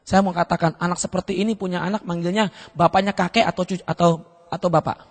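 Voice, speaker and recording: A man's voice: high-pitched, steady tone, fast. A male pastor preaching at a seminar, telling a story and questioning the audience often. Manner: asks the audience frequent rhetorical questions. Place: church seminar hall. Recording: long hall reverb.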